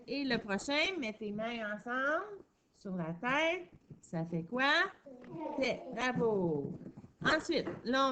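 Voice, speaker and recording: Woman, phonics teacher, encouraging, slow and deliberate. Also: a little high, a bit bright, a little hiss or hum. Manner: slow, clear, encouraging teacher talk with questions and praise. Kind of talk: early-reading phonics lesson for young children.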